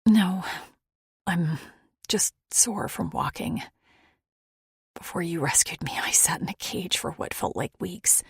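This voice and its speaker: A woman voicing a worn-out, frank young woman who talks in a breathy, wry way. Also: lowish voice, slow pace, pauses often, dry recording, studio quality, pitched above the performer's own voice, full character voice. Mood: weary, relieved.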